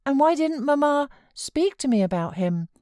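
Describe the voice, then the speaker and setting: A woman's voice: high voice, very animated, normal speed, dark tone, no echo, clean studio sound, voice pushed up. A British woman voicing a sickly, fretful young boy in an audiobook, plaintive, childlike and questioning. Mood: perplexed, anxious. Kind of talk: audiobook character voice.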